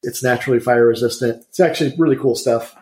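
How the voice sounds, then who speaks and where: A man's voice: medium pitch, darkish tone, echoey room. A man, an insulation contractor telling rambling stories as a guest in a casual interview. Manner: chatty, rambling, quick storyteller.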